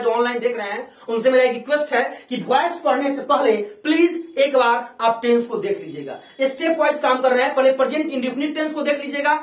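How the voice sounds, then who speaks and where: A woman teaches grammar to a class, her voice pitched high. She keeps quizzing the students and has them repeat after her. The recording is distant and roomy, from a far camera in the classroom. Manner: questioning students, call-and-response drilling. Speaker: English teacher. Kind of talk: classroom lesson.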